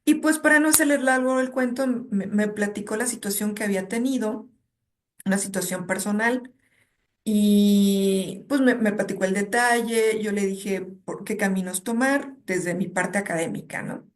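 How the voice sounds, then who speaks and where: A woman's voice: medium pitch, moderate pace. A woman, a guest academic who speaks in a reflective, conversational way and illustrates her points with personal anecdotes. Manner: reflective, tells stories and checks in with '¿no?'.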